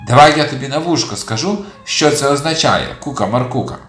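A narrator voicing a cheerful, playful little male puppy in a storybook reading, with a bright, raised voice. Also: medium pitch, expressive, fairly quick, lightly acted. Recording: roomy audio with soft music.

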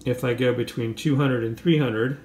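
A steady, darkish mid-range male voice at normal speed guides listeners through a casual hands-on product demo. The setting is a table in an indoor room, and the recording carries a roomy quality with faint background noise.

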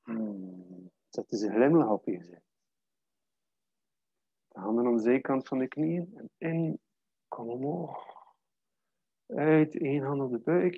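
A man guiding a yoga class, calmly cueing breath and posture in a steady way. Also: medium pitch, no echo, narrow, tinny audio. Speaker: yoga teacher. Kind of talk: guided yoga class instruction.

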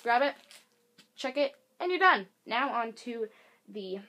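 Speaking a little high, animated and sharp but unhurried, a young beauty and advice vlogger gives a casual product demo at home. She rambles, leaning on fillers and correcting herself. Her camera mic picks up a faint hiss from the air conditioner.

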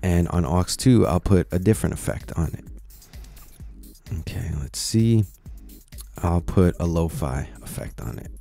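A man casually explaining software steps one at a time in a screen-recorded tutorial, with lots of "you know"s. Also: low voice, animated, unhurried, gravelly, soft background music. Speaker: tutorial presenter.

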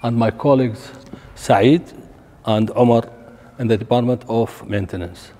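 Clipped man over loud clicking. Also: medium pitch, steady tone, unhurried, very noisy. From Iraq. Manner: clipped, simple phrasing. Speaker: maintenance supervisor.

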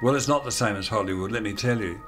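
An older man in his seventies giving a measured, earnest documentary interview. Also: lowish voice, loud music behind the voice. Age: older, about 70s. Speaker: exorcist interviewee.

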